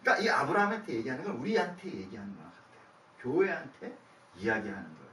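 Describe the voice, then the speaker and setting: A man's voice: medium pitch, fast, a little hiss or hum. A man preaching a casual sermon who acts out the voices in the story, chuckles and asks his listeners questions. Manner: lively, acts out God's and Abraham's lines in conversation. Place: church worship room. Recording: echoey church hall, mic at a distance.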